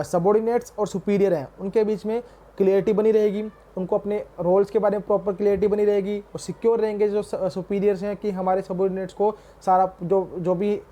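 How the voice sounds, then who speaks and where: A young man teaching a commerce class, reading English definitions slowly and then explaining them in a mix of Hindi and English while calling his students "beta". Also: high-pitched, dark tone. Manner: addresses students fondly as "beta". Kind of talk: classroom lecture.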